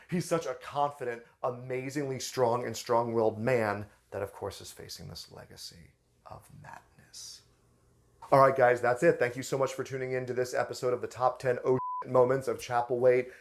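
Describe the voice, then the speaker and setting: A man with a gravelly, creaky voice at an ordinary middle pitch. He hosts his own review channel and talks through a horror series in a chatty, enthusiastic way. He often restarts his sentences and fills pauses with "uh". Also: darkish tone. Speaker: host of a book and film review channel. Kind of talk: casual review commentary.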